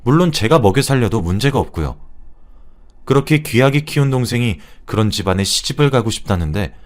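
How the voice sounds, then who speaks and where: Man narrating a story with a lively voice. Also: on the low side. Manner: animated storytelling, voicing his own angry lines. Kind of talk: dramatized first-person story narration.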